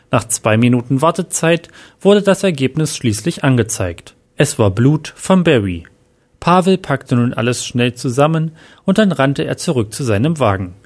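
A man reading a crime story as narrator in a steady, even way. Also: mid-range voice.

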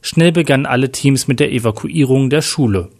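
A man narrating a story with plain, steady reading. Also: mid-range voice, fairly quick. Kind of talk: read-aloud story narration.

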